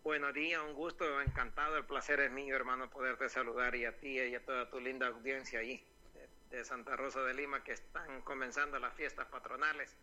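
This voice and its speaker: A man phones in to a local radio show and chats casually over a noisy line. His voice sits at medium pitch with a level tone, a little fast, pushed and bright. He talks in a devout, nostalgic way, with lots of fillers.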